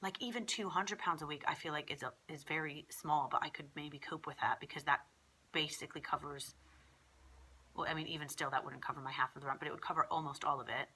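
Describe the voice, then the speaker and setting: Talking fast in a low, steady voice, this young woman from southern England sounds bright and pushed, with a breathy edge. She has a stuffy cold and chats through her casual pregnancy vlog in an exasperated, filler-heavy ramble.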